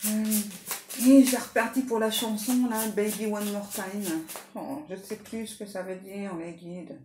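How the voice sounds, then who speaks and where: Chatty woman reading tarot, mellow tone. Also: mid-range voice, steady tone, unhurried, reverberant, soft background music. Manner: chatty, many fillers and restarts. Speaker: tarot card reader. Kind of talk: casual tarot reading to camera.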